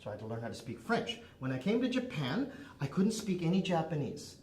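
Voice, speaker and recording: He speaks a little fast in a fairly high, slightly mellow voice with big pitch swings. Teaching English indoors, this man who arrived in Canada at nine leads drills with directive emphasis and snapped commands; the mic is distant, the room roomy, the noise faint.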